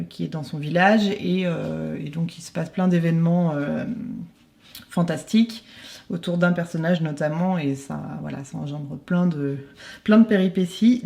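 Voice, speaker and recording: A young woman vlogging in casual chat at home while arranging her bookshelf, chatty and slangy, meandering with many pauses. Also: fairly low pitch, gravelly, warm tone. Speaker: book vlogger. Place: her apartment, next to a bookshelf.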